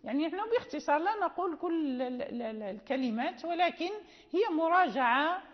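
A woman's voice: high-pitched, lively intonation, fairly quick. A woman with a Moroccan Arabic accent gives a patient, explanatory classroom lecture on Quran recitation and often checks in with her students. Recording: dull lo-fi sound with long hall reverb.

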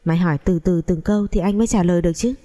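Giọng nữ đóng anh họ thô lỗ, bông đùa, cộc cằn. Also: female voice, fairly low pitch, very fast, warm tone, natural voice. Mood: brash. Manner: blunt, joking, crude. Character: male cousin, brash and teasing, rough-spoken.

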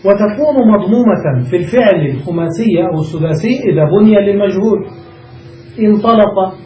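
A man's voice: high voice, animated, fast talker, dark tone. A man teaching a grammar lesson to a class, restating each point and asking whether his listeners have understood. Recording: roomy, distant mic, faint background noise.

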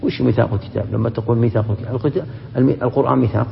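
A man, a sheikh giving a Quran commentary lesson, quick and emphatic, often breaking off and restarting words. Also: medium pitch, steady tone, vocal fry, a little hiss or hum. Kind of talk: classroom lecture with questions to students. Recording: dull, echoey lecture-hall recording.

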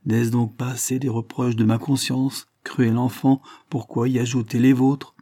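A man's voice: on the low side, moderate pace, dark tone, no echo, studio quality, close to an everyday voice. A man voicing a bitter, remorseful young nobleman recovering from illness in a storybook reading. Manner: bitter, brooding.

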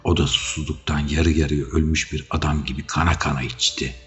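A man narrating an adventure audiobook in a measured, dramatic reading. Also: rumbling low, steady tone, fairly bright tone. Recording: dull audio with faint music.

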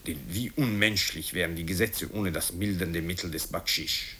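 This low-pitched man speaks at normal speed with a sharp tone, playing a pompous politician who emphatically throws self-righteous accusations at his rival in a satirical radio story. There's slight background noise, and the mood is righteous and accusing.

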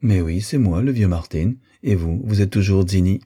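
A man reading the lines of a weary middle-aged gentleman in an audiobook, restrained and gently gruff. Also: low-pitched, moderate pace.

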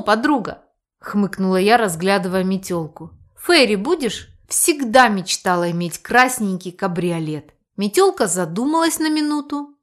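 A woman reading an audiobook in the first person, in a lively, expressive storytelling manner. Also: medium pitch. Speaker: audiobook reader.

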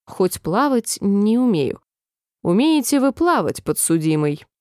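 A woman's voice: medium pitch, very animated, unhurried, mellow, no echo, clean studio sound. A woman voicing a pompous, fussy old king who muses aloud while judging a trial in a storybook reading. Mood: musing. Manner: musing, self-satisfied.

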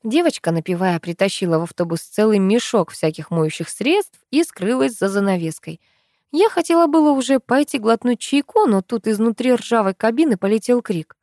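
A woman narrating an audiobook in a wry, expressive storytelling manner. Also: fairly high pitch, moderate pace, no echo, studio quality. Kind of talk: audiobook narration with character voices.

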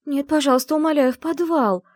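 A desperate, defiant young noble lady in a storybook, her pleas pitched up high and loud, as a woman reader plays her. The voice sounds close and dry, with no room around it. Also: animated, brisk, no echo, lightly acted. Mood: pleading.

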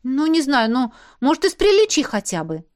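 A woman's voice: sits high, big pitch swings, moderate pace, pitched above the performer's own voice. A woman voicing a young heroine who speaks heatedly and indignantly. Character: young woman heroine, hot-tempered and defensive.

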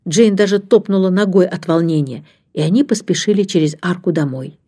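Female audiobook narrator, low, mellow voice, storybook reading. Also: brisk, slightly rough.

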